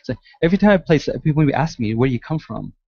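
A man's voice: on the high side, expressive, fast, creaky, no echo, highs cut off. A man from Malaysia who grew up in the United States, answering audience questions at a lecture in a hesitant way with many restarts. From Malaysia, raised in the United States. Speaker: guest architect lecturer. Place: large lecture hall.

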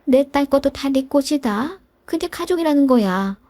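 A woman's voice: high voice, expressive, normal speed, a little mellow, no echo, voice pushed up. A woman voicing a pushy, self-pitying older mother-in-law in a storybook drama, wheedling and guilt-tripping. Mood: pleading, pushy.

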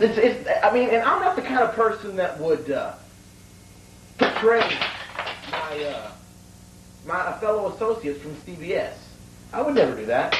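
Ranting man in an echoey room. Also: sits high. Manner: indignant ranting, stammering. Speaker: sketch show host. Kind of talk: mock-serious comedy monologue. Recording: echoey, distant, slightly noisy room.

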